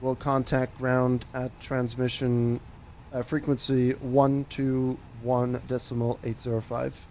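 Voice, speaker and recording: Casting note: a man working through cockpit checks and radio calls on a headset mic, slow and hesitant, with a faint hum behind him. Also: mid-range voice, flat delivery, warm tone. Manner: slow, halting, with many fillers and restarts. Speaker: flight simulator pilot.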